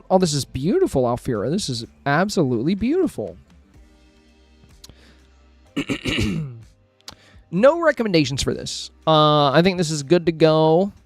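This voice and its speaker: A man with a slightly high voice streams a casual, friendly review of game screenshots, thinking aloud with lots of fillers and restarts. He's hiccuping and has a headache. There's no room sound.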